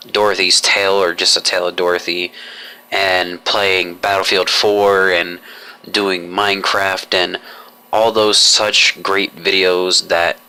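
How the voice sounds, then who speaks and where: Young man, vlog monologue, deep voice, bright edge, long-winded formal wording. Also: clean tone. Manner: formal, long-winded phrasing with many restarts. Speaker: YouTuber.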